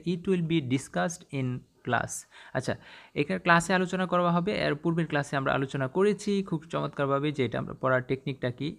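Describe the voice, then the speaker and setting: A man with a Bangladeshi accent teaching English, reading word lists aloud with their meanings in a steady, repetitive drilling manner. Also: a little high. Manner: recites English words then Bengali meanings, repetitive drilling.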